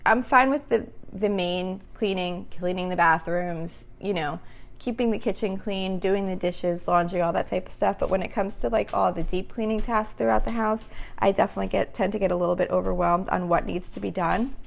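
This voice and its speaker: In a mid-range voice with vocal fry, a woman hosts a relaxed solo podcast, keeping a steady tone and moderate pace. Her talk rambles and is full of fillers like "um" and "like," and her voice is slightly worn as it starts to go.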